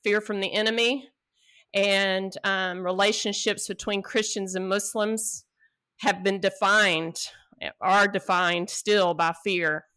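A woman hosting a podcast, opening the episode in a measured way. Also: mid-range voice, fairly even intonation, sharp tone, clean tone, no echo. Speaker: podcast host.

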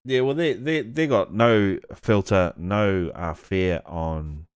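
A man's voice: sits low, slow, clear, resonant tone. A man with a New Zealand accent hosting a podcast in laid-back, slangy, sweary casual chat. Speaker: podcast host.

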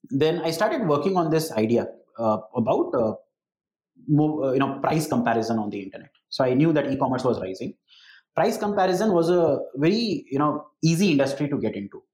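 Fast-talking North Indian man in an echoey room. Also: mid-range voice, a little mellow. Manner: switches between English and Hindi, frequent "you know" and "right?" tags. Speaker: entrepreneur telling of their career. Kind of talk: casual conversational storytelling.

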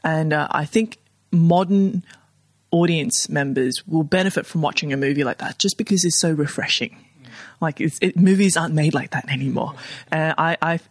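A man's voice: on the high side, normal speed, no room sound, clean studio sound. A man co-hosting a casual podcast chat, rambling with many fillers. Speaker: podcast co-host.

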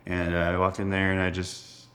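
A man's voice: low-pitched, completely flat delivery, normal speed, fairly bright tone. A young man telling stories as a podcast guest, rambling with lots of fillers and laughs. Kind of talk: casual storytelling chat.

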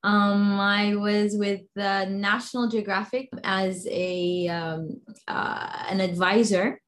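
A woman's voice: medium pitch, fairly even intonation, takes it slowly, a bit bright. Enthusiastic woman guest, many fillers. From Sudan. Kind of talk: interview conversation.

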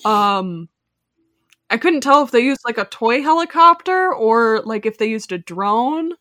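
A woman's voice: a little high, animated, unhurried, sharp tone, no room sound, studio quality. A woman hosting a casual podcast, recapping a movie's plot in a rambling way with lots of fillers. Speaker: podcast host.

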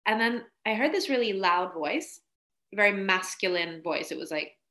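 On a podcast interview, a woman spiritual coach recounts her story chattily, laughing a lot and leaning on "like." She speaks at normal speed in a mid-range voice that's expressive, bright, and forceful.

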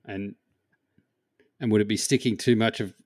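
A man's voice: on the low side, steady tone, moderate pace, darkish tone. A man hosting a casual podcast interview in a laid-back, matey, wry way. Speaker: podcast host.

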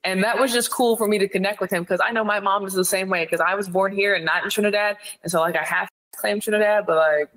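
A woman from Ohio, a psychiatrist guest, talking in a direct, blunt and animated way in a casual interview. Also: mid-range voice, quick pace, few pauses, rough recording. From Ohio, USA.

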